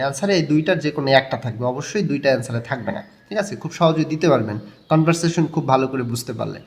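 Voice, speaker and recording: Fast-talking Bangladeshi Bengali man teacher. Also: a little high. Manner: explains step by step, repeats key words. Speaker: Korean language teacher. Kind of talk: explaining a textbook lesson.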